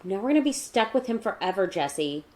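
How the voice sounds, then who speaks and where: With a mid-range, slightly mellow voice and big pitch swings, this woman talks a little fast. She co-hosts a casual podcast in a chatty, rambling way peppered with "like," shifting into a mock newscaster voice when she gets to her cat segment.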